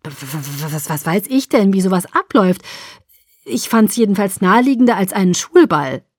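A woman voicing a stubborn, earnest young woman in love, speaking quietly and earnestly. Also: mid-range voice, lively intonation, normal speed, slightly rough, no room sound, studio quality. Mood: defiant.

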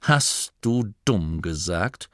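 Storybook reading, man playing a pompous gnome duke, growling, sarcastic, lively swings. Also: medium pitch, unhurried, no room sound, clean studio sound, pitched above the performer's own voice. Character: proud, moody male gnome duke.

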